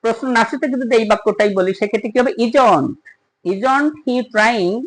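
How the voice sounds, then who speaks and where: A teacher giving a spoken grammar lesson. The teacher explains step by step, asks the listener questions, and slows down on the example sentences. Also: medium pitch, low-quality recording. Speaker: English teacher.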